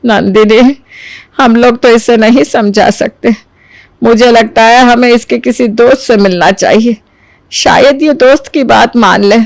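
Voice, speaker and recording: A woman's voice: on the high side, measured pace, dry recording. A coaxing cartoon mother. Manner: coaxing, reasoning. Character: practical middle-aged mother.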